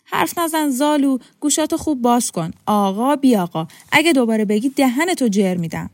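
A woman voicing a hefty, loud, domineering woman who mocks and threatens in coarse speech. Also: high-pitched, expressive, no echo, clean studio sound, voice pushed up. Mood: threatening.

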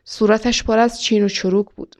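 A woman author reading her own short story in a calm, measured storytelling manner. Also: a little high.

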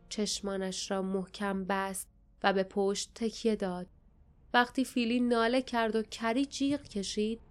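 A woman narrating an audiobook in a measured, expressive way, giving each character a voice. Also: mid-range voice, clean tone.

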